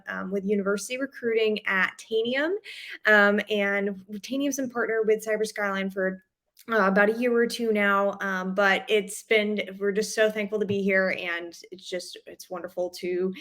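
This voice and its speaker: A woman recruiter gives an upbeat, informal company pitch, halting and loosely scripted, over a video call. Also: fairly bright tone. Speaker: university recruiter.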